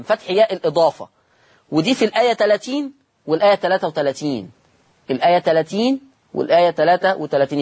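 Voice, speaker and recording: Husky Egyptian sheikh teaching patiently. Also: male voice, sits high. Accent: Egyptian Arabic. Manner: explanatory, repeats each point, asks and answers his own questions. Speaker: Quran recitation teacher. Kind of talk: televised teaching lesson.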